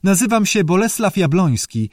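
A polite, bookish newt speaks in a lifted, eager voice, as a male reader puts him on. His manner is formal and earnestly courteous, with lively swings in pitch. The sound is dry and close. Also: normal speed, no room sound. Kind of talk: audiobook character voice.

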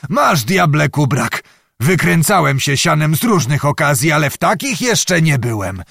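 A man's voice: fairly high pitch, big pitch swings, normal speed, vocal fry, fairly bright tone, dry recording, heavily acted. Guy doing a blustery old noble joker, swinging all over the place, dry close sound. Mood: grumbling. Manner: blustering and exclamatory, full of oaths and quips. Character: boisterous old male nobleman, a jesting braggart.

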